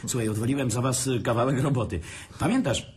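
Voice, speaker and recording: Playing Adam in an amateur radio drama, an actor uses a brisk, husky, slightly mellow medium-pitched voice. Adam is a cheeky heavy drinker who jokes and schemes with his brother, delivered in a mischievous, teasing way.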